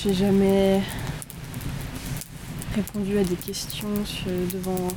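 A woman's voice: medium pitch, takes it slowly. Give me a hesitant woman interviewee, full of fillers and restarts, with heavy rain noise behind her. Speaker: interview guest. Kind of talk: casual interview chat. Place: inside a tipi by a fire in the rain. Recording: steady rain noise in background.

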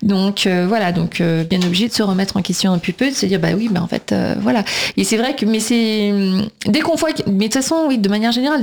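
A woman of Portuguese origin, a nursery school teacher, speaking earnestly and at length as a guest on a radio talk show. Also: medium pitch. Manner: talkative, earnest, quotes others in lively voices.

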